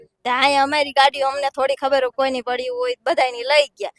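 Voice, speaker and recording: A woman's voice: high voice, flat delivery, fairly quick, a bit bright, dry recording, clean studio sound. A young woman giving distressed, pleading testimony to a reporter. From Gujarat, India. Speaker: villager interviewed. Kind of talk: emotional testimony.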